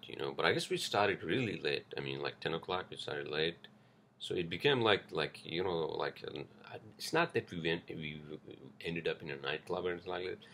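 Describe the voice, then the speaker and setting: This solo podcast host is a man with a non-native English accent who rambles loosely, full of fillers, restarts and swearing. His low-pitched voice is creaky and a bit bright, with a little hiss or hum on the recording.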